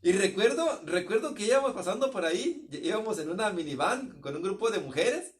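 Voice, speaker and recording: A man's voice: high voice, sing-song, far from the mic. A man with a northern Mexican accent preaching a sermon, often stumbling and repeating words as he goes. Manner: halting, many repeated words and restarts.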